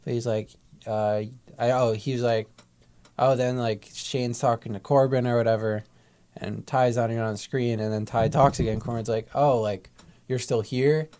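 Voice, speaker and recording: A man's voice: mid-range voice, little pitch movement, normal speed, mellow. A young man co-hosting a podcast, retelling each segment play by play in casual chat and acting out the wrestlers' lines. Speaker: podcast co-host.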